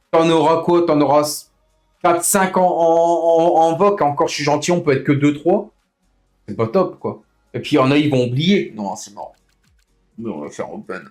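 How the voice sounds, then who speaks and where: A man chatting casually on a live gaming stream, complaining in slangy, informal speech and repeating himself as he goes. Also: a little high. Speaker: livestreamer running an online racing league. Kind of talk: casual live stream chat with other players.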